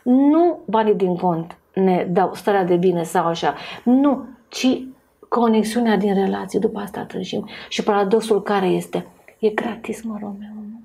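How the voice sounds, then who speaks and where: A woman talking as a podcast guest in a casual, animated way, acting out what people say. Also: medium pitch, gravelly. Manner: animated, acts out quoted voices.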